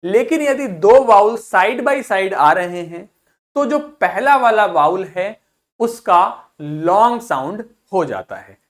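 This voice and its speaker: A woman's voice: medium pitch, animated, slow. A woman teaching English pronunciation in an online class, speaking patiently and often repeating key points.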